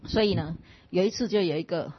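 A Buddhist nun from Taiwan, telling stories in a chatty way and acting out the dialogue with lively jumps in pitch. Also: female voice, brisk, breathy edge. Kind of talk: casual storytelling talk. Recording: dull lo-fi recording.

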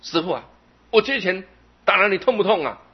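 A hot-tempered young man, as a male preacher puts him on pleads in a high, strained voice that rides up and down widely. The voice is husky and the recording sounds dull and lo-fi. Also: big pitch swings, normal speed, heavily acted. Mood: contrite.

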